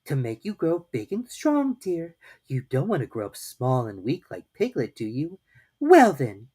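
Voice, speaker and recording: A motherly storybook kangaroo played by a woman, with a lilting, lively voice lifted a little above a low register. She is brisk and soothing, firm with a sly teasing streak. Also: slightly rough, heavily acted. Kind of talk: children's storybook character voice.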